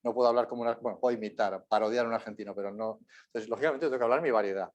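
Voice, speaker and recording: A man's voice: fairly low pitch, rapid-fire, lo-fi sound. A man with a Spain Spanish accent, a guest lecturer answering questions in a university lecture room, rambling on with frequent tag questions.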